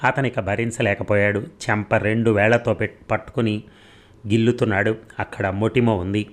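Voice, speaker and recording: A middle-aged man narrates a story in a low voice. His reading is steady and measured, and he gives the characters' lines their own turn without breaking the flow. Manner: steady reading, voicing dialogue of both lovers.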